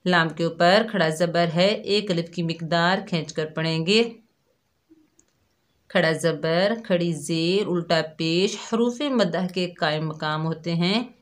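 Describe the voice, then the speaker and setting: A woman's voice: on the low side, slow pace. A woman teaching Quran recitation, patiently spelling out each syllable and repeating it. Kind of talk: slow step-by-step recitation lesson.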